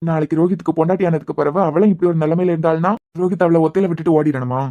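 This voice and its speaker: A woman's voice: deep voice, fairly even intonation, warm tone, muffled recording, close to an everyday voice. A woman voicing a blunt, teasing young husband with a Kanyakumari accent. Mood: probing. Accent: Kanyakumari Tamil. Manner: blunt, teasing, quick talk. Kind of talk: cartoon voice acting.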